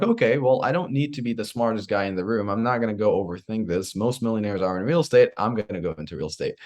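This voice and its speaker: Man, from Iraq, interview guest, energetic, earnest, average pitch. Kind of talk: storytelling interview answer.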